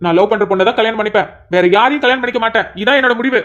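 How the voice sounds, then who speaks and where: A man's voice: extremely high pitch, rapid-fire, a bit bright, dull audio. An actor voicing a young man in a cartoon who firmly refuses an arranged marriage. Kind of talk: cartoon dubbing.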